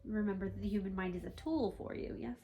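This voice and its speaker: A woman voicing a calm, authoritative spirit guide as a trance medium, in formal stilted phrasing that often ends on a questioning "yes?". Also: mid-range voice, quick pace, soft background music, natural voice. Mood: calm, instructive. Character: calm, authoritative male spirit guide teaching human seekers. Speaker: trance channeler. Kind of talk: seance medium channeling a spirit guide, teaching. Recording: faint background noise.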